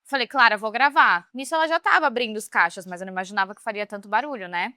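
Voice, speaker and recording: A woman co-hosting a podcast in casual chat, telling stories with animated expression. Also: mid-range voice, racing, no room sound, clean studio sound. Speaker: podcast co-host.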